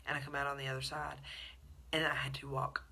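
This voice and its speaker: A middle-aged woman, telling a story in a chatty, animated vlog to her viewers. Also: extremely low pitch, fast talker, breathy edge. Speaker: vlogger. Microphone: phone camera.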